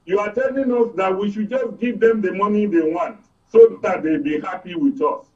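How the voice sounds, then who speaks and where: Appearing as an expert commentator on a panel, a Nigerian-accented man with a high voice lays out his argument emphatically in steps, checking understanding with questions and using everyday analogies in a live discussion. His pace is moderate and his tone dark. The recording is roomy with a distant mic, cut-off highs, and clear noise and clicks.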